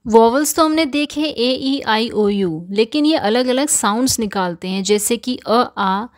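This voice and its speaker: A woman with a slightly high, lively voice reads through a grammar lesson in a measured, scripted manner, deliberately slowing on every English example sentence. The sound is close and dry, with no echo from the room.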